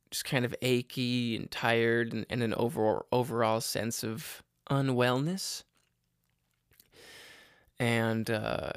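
Tired, gravelly-voiced male podcast host. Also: a bit bright, no room sound, clean studio sound. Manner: low-energy, rambling with many fillers and restarts. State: tired and unwell. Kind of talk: casual solo podcast update.

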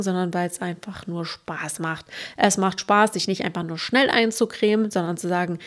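A young woman chatting casually to camera as a beauty vlogger, talking in an animated way and often asking the viewer what they think. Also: mid-range voice.

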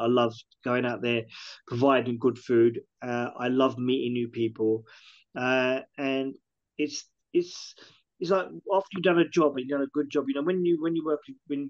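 A man's voice: medium pitch, lo-fi sound. A man who owns a catering business, talking casually in an interview and retelling what his customers said. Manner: chatty, restarts often, retells customer quotes.

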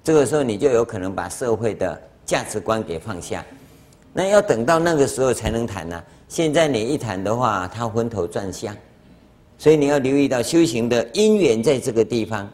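A man with a Taiwanese Mandarin accent talks fairly quickly at medium pitch while giving a Buddhist dharma lecture as a master in a lecture hall. His animated storytelling is full of anecdotes, enacted dialogue and chuckles.

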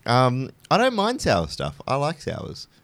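A man's voice: mid-range voice, huge pitch swings, unhurried, gravelly, a bit bright, dry recording. A man hosts a casual podcast and keeps the mood playful, laughing a lot. He is recorded close in a small, dry studio. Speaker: podcast host.

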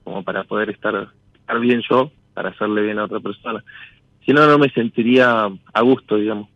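A man's voice: fairly low pitch, fairly even intonation, a little fast, dry recording, lo-fi sound. A man speaking hesitantly and in a roundabout way as a caller in a personal consultation. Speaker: caller seeking a tarot consultation.

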